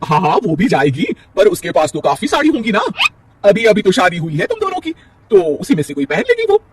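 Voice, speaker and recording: A man's voice: sits high, huge pitch swings, fairly quick, far from the mic, a little hiss or hum, voice pushed up, heavily acted. A man voicing a partial, scolding middle-aged stepmother in a storybook tale.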